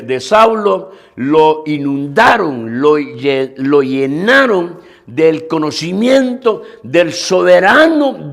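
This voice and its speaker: A man's voice: high-pitched, vocal fry. A male pastor preaching a sermon, speaking earnestly and directly to the congregation, repeating phrases and restarting lines as he goes.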